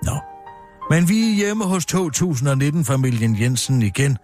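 A man on a radio comedy show reading a parody screenplay aloud in a deadpan voice. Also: mid-range voice, faint music behind.

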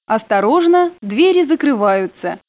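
Female train announcer, muffled narrow-band sound, highish lively pitch, scripted stop announcement. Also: a little slow, dry recording.

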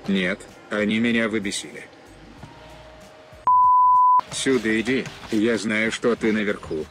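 A deep grumpy robot dog. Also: male voice, fairly even intonation, takes it slowly, over loud music. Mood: irritated. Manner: grumbling, insulting. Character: angry male robot dog, foul-tempered. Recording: distant with loud noise.

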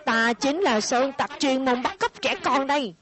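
This is a pitiful mountain bandit from a cartoon dub, a former kidnapping boss now reduced to hunting, as a woman acts him out. He grumbles gruffly and self-pityingly about his lot. The voice sits fairly high. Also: animated, normal speed, fairly bright tone. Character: pitiful ugly male mountain bandit turned hunter.

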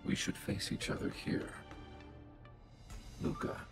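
An actor playing a calm, logical old robot with a synthetic, filtered voice and a measured, formal delivery. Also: male voice. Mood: calm, grave. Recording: loud game music behind.

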